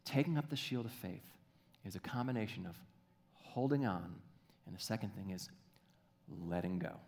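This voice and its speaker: A male pastor preaching a sermon in a church, animated and acting out little voices, then dropping to a soft, hushed delivery. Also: fairly low pitch, normal speed. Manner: animated, acts out quoted voices.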